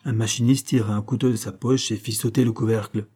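Husky, dark-voiced male narrator. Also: lowish voice. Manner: steady, deliberate reading. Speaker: audiobook narrator. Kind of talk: scripted literary narration.

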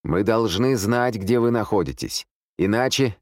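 A man's voice: fairly low pitch, expressive, a little slow, darkish tone, no echo, clean studio sound, voice pushed up. A man voicing a stern police sergeant on the phone, cold and official.

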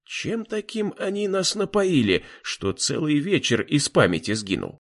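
A man voicing a gruff, sardonic old bearded man who talks bluntly and mockingly. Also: on the high side, wildly swooping pitch, measured pace, pitched above the performer's own voice, full character voice. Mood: wry.

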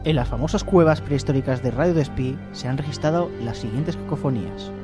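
A man's voice: medium pitch, fairly quick, over loud music. A man narrating a scripted mock documentary report as a reporter.

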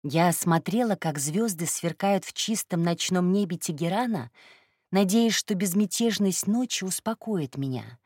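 A woman reading a first-person story aloud in a calm, even narration. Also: lowish voice, unhurried, dry recording, clean studio sound. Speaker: audiobook narrator.

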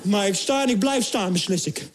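Man, high voice, stand-up comedy story, acts out voices. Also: moderate pace, heavy background noise. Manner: animated, acts out characters in English and Dutch.

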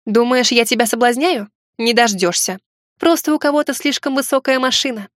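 A woman voicing a sharp-tongued young female student who talks in a pert, indignant way. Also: fairly high pitch, fairly quick, no room sound, clean studio sound, lightly acted. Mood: cheeky indignant.

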